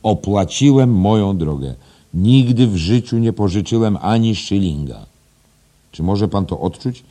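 A man's voice: on the low side, lively intonation, measured pace, warm tone, breathy edge, pitched above the performer's own voice. A man voicing a pompous, preachy old schoolmaster who lectures in an emphatic, self-satisfied way in an audiobook. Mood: proud.

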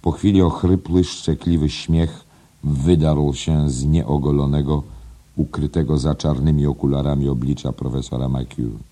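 A man narrating a literary novel as an audiobook, in a measured reading style. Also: a bass voice, little pitch movement, mellow. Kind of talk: scripted narration.

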